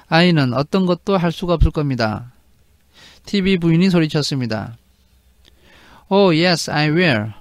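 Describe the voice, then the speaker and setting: A man teaching an English book to learners. He reads each sentence aloud very slowly and then translates it. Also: fairly high pitch, dry recording. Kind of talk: slow read-aloud lesson with translation.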